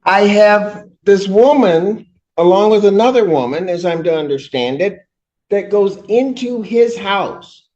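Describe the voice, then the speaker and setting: A male judge with a high voice speaks slowly and deliberately, weighing his words. He lays out what he knows in plain terms. The sound is a dull, lo-fi courtroom recording. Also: lively intonation, darkish tone. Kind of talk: questioning counsel at a hearing.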